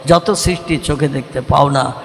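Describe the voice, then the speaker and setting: A male preacher, giving a sermon that swings between sung chanting and shouted emphasis and calls on the crowd to answer. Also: a little high, normal speed, vocal fry, roomy sound, long reverb tail, slight background noise.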